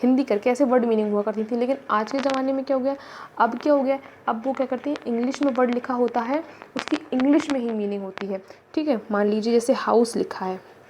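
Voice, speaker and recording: An Indian-accented woman delivers an exam-prep lecture in a voice pitched a little above most women. She goes over each point more than once and keeps checking in with her listeners. A faint noise sits behind her voice. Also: quick pace, a little mellow. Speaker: teacher.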